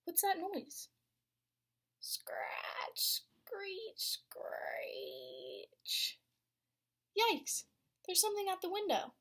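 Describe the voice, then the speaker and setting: Whispering, a young student teacher reads a picture book to her class in a very high-pitched voice, very slowly and with long pauses. She tells the story expressively and asks the children questions.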